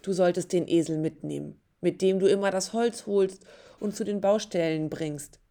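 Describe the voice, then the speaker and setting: A woman reading a gentle young mother-to-be. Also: fairly low pitch, normal speed, close to an everyday voice. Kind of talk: storybook narration.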